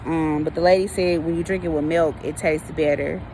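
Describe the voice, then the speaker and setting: American lady vlog chat, kinda low voice, folksy n rambly, bit of outside noise behind her. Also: fairly even intonation, a little fast, dark tone, rough recording. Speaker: vlogger. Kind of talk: casual chat to viewers, rambling.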